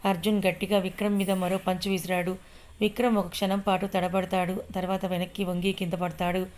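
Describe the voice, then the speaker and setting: A woman narrating an audio story in a steady, unhurried reading voice. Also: on the low side.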